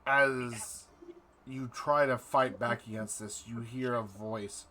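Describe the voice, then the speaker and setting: A man narrating a horror tabletop game as game master, halting and dramatic, repeating phrases for effect. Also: medium pitch, fairly even intonation, bright, forceful tone, slight background noise.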